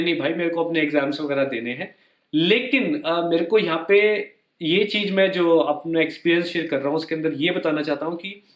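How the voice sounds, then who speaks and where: Talking to camera in an echoey room, a young Indian man shares personal stories as a vlogger. He sounds fairly high-pitched and relaxed, mixing English words into his speech and voicing the quoted dialogue himself.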